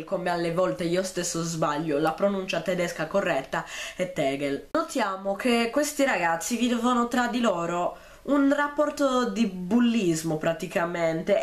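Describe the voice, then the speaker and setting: A man reading a novel chapter aloud and then discussing it, with frequent "eh" fillers and throat-clearing. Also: high-pitched. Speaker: book reader and commentator.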